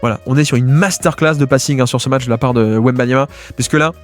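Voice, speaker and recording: A man giving casual, fast-paced commentary as he breaks down basketball game film, with many fillers and restarts. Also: medium pitch, soft background music. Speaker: basketball video analyst.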